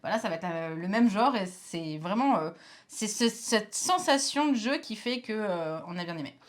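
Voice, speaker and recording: A woman in her thirties co-hosting a board game show, chatting casually with lots of hesitations and quick laughs. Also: medium pitch, animated. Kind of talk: casual chat reviewing board games.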